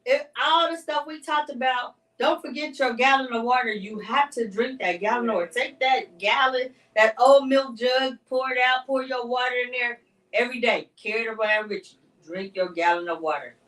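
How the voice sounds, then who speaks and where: A woman in her fifties hosting a radio chat show, chatty and pitching products. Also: moderate pace, fairly bright tone, roomy sound, recorded from a distance. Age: 50s. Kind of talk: casual chat. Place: radio studio.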